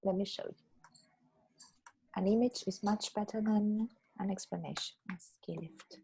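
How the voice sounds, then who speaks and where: Woman, English teacher on a video call, mid-pitched and gravelly, patient and repetitive, checks understanding often. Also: fairly even intonation, dark tone, slight background noise, low-quality recording. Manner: patient, explains slowly, checks understanding with "yeah?". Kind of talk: online English lesson.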